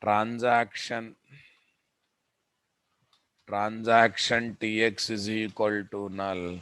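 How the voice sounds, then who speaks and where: A male programming instructor with a Telugu Indian accent speaks in a fairly low voice at a measured pace. He dictates code as he goes, repeats phrases and talks straight to his students. The sound is dry and close. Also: level tone, a bit bright, clean tone, no echo. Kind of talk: live coding lesson, dictating code aloud.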